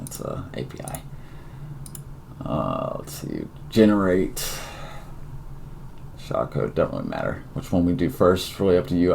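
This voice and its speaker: A very deep, gravelly male voice with a lively, wandering pitch, tired and talking his way through a coding tutorial. He thinks aloud, trailing off into fillers and correcting himself. A faint hiss sits under the recording. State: tired and yawning. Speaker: tutorial presenter.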